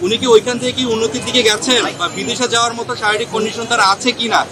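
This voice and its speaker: A man's voice: very high voice, flat delivery, very fast. A man with a Bangladeshi accent, a reporter putting a question at a press briefing. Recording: busy outdoor crowd and street noise.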